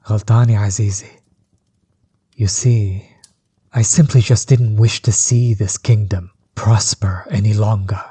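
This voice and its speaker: A male actor plays a smug, bitter tyrant overlord in a scripted roleplay audio drama monologue, nursing a grudge against an old companion. His low, mellow voice is heavily husky and breathy, often sinking toward a whisper, recorded close and dry. He sounds defiant, delivering his condescending mockery in a drawn-out, theatrical way.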